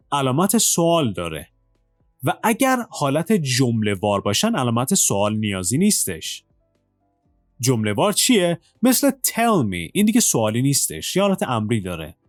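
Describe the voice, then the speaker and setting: A male English teacher with a very animated, swooping delivery, explaining grammar in a conversational way and slowing right down to read example sentences aloud for students to repeat. His voice is close and dry, with soft music playing faintly underneath. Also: mid-range voice, dry recording. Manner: explains in Persian, reads English examples slowly and clearly for repetition. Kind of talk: textbook lesson with drills.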